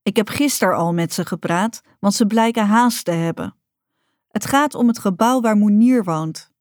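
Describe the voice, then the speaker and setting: A woman voicing a stern mother in a storybook reading, speaking firmly and with a sharp tone. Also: mid-range voice, normal speed, no room sound, studio quality, lightly acted. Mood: serious. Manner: firm, sharp-toned.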